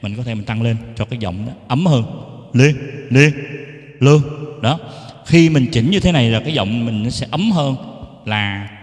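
A man explains keyboard mic settings in a relaxed teaching tone. He tests each change with quick sung syllables. His mid-pitched voice rings in a reverberant room with a long echo tail. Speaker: keyboard sound tutor. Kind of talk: casual how-to demonstration.

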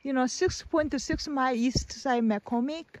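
A woman's voice: high voice, measured pace, no echo. A middle-aged woman chatting on a forest hike, often exclaiming and laughing, with simple non-native phrasing, recorded outdoors on a handheld phone. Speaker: vlog host. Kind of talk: casual hiking chat.

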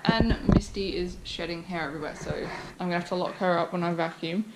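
A young woman gives a relaxed, rambling tour of her messy family house, talking to a handheld camera as a vlogger. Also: lowish voice, fast talker. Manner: relaxed, rambling, frequent ums and likes. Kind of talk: casual house-tour chat. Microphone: wide-angle action camera carried by hand. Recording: audible background noise.

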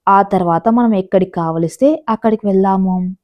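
A woman reading the part of a gentle, dutiful young daughter-in-law in a storybook audio drama. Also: medium pitch, moderate pace, muffled recording, close to an everyday voice.

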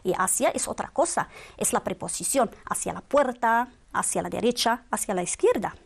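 A woman's voice: a little high, animated, normal speed, creaky, breathy edge. A woman teaching a grammar lesson, drilling verb forms one by one with patient quiz questions. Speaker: Spanish teacher.

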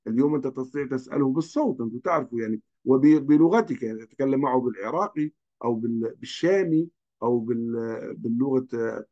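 A man's voice: medium pitch, fast, warm tone. Male lecturer, earnest cautionary delivery, muffled lo-fi recording. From Libya. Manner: earnest, cautionary, pleads with students.

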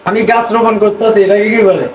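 A man with a high voice and a Feni Bengali accent hosts in a casual, chatty vlog style. He sounds roomy and echoey, with some noise behind him. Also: fairly even intonation, quick pace. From Feni, Bangladesh. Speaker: video host asking questions. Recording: distant, echoey room with background noise.

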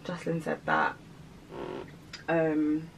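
A young woman plotting a prank with a friend, animated and scheming, acting out what she'll say. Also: sits low, slow pace, a little hiss or hum, poor audio. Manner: animated, scheming, acts out lines. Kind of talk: casual chat.

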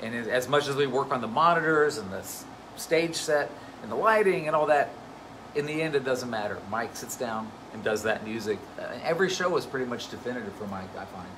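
A man at a middle pitch, chatting loosely about his band between fillers and restarts. He speaks as a bassist and musical director in a relaxed live Q&A. Air-conditioning hum sits clearly behind him. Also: brisk. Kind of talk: casual live Q&A talk.

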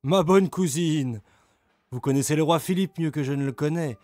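A man's voice: a little high, moderate pace, no echo, voice pushed up, lightly acted. Man voicing a raging, blustering medieval lord. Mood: blunt. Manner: loud, coarse and vehement. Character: brawny furious medieval male lord, blustering.

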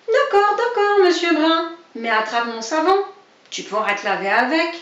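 A woman voicing a cheeky, quarrelsome male rabbit in a storybook reading, with shrill, mocking retorts. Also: big pitch swings, moderate pace, a bit bright, heavily acted. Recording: dull, roomy, distant recording.

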